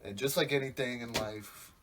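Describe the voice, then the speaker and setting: A man's voice: medium pitch, moderate pace, fairly bright tone. Rambling, profane young man. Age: 20s. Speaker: podcast host. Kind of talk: casual podcast monologue.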